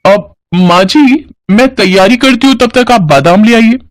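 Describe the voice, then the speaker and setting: A man's voice: sits high, unhurried, slight background noise, voice pushed up. A man voicing a lazy, fibbing young daughter-in-law in a cartoon story. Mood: coaxing.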